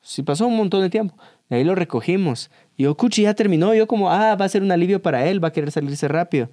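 A man co-hosts a relaxed faith-themed talk. He tells family stories in an animated way and acts out what each person said. The recording is dry and close. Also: sits high, fast, dry recording. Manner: animated storyteller, acts out quotes. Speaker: co-host, father. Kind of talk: casual chat with devotional reflection.

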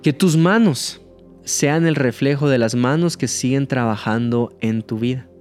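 A man preaching a sermon, earnest and slowing down to stress key phrases, with light jokes. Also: mid-range voice, darkish tone, soft background music.

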